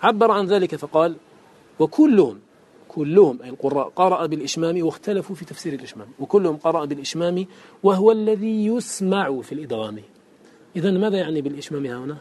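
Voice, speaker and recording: A man teaching Quran recitation rules in a classical Arabic lesson. He reads verses of a poem aloud, explains them line by line, asks his students questions, and chants the Quranic examples slowly. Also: on the high side, darkish tone.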